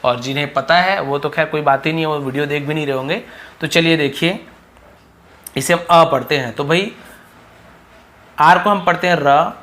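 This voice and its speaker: A young man teaches English phonics in a spoken lesson at a board, with a voice pitched a little high. He stretches out and repeats each vowel sound to show how it should be pronounced. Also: sharp tone. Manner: drawn-out phonics demonstrations, addresses viewers as sir-style students.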